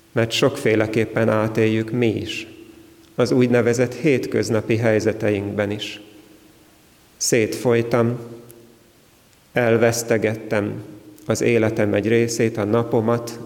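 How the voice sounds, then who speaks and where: A man preaching a sermon in a slow, measured, reflective way, pausing often between short phrases. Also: lowish voice, creaky, a little mellow, long reverb tail. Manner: slow, measured, reflective delivery with long pauses.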